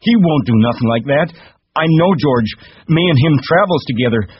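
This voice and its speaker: Big childlike innocent, anxious and pleading, voice lifted high and husky, for a story. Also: male voice, moderate pace. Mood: frantic. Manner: whining, pleading, ungrammatical rural speech. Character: big simple-minded childlike man, anxious, pleading, loyal. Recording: muffled, roomy home recording.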